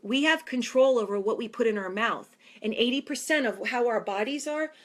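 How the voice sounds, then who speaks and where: A woman's voice: a little high, moderate pace. A woman in her forties with a New York accent, a fitness trainer talking earnestly and chattily in a vlog. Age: 40s. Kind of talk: casual vlog talk.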